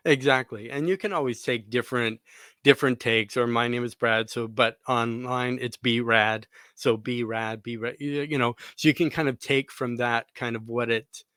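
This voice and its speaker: A male podcast host introduces his show and asks his guest questions in an upbeat, chatty way that rambles a bit with fillers. His voice sits at a middle pitch. The recording is dry and close, with no room echo. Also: fairly even intonation, moderate pace, a bit bright, clean tone. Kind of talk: casual podcast interview.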